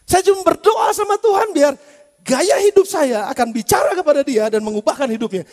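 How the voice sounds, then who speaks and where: High-voiced preacher in a reverberant church. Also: male voice, a little fast. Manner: animated, swinging between shouting and hushed asides. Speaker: pastor. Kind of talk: sermon.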